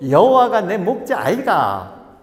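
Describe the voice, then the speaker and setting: A loud, folksy reciter in broad Gyeongsang Korean dialect, put on by a male preacher, delivering each line slowly with comic weight. His voice is raised a little above his usual pitch. A roomy church hall rings behind him. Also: wildly swooping pitch, full character voice.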